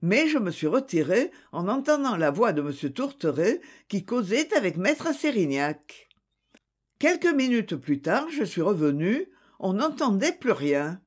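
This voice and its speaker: A reader voicing Édith, a reserved young woman who answers questions in a hesitant, measured way. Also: mid-range voice, husky.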